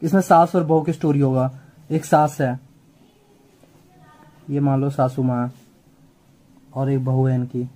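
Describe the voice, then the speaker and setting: A man's voice: mid-range voice, level tone, unhurried, pauses often, mellow, poor audio. A man teaching a chatty exam-prep biology lesson, often repeating points and checking that students follow. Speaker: biology tutor.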